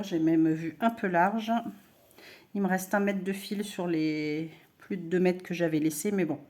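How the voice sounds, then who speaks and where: A woman giving a patient, step-by-step knitting tutorial, talking her viewers through each stitch with small hesitations. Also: medium pitch. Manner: calm, patient instruction with frequent "hop" and hesitations. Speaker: host of a knitting and crochet channel.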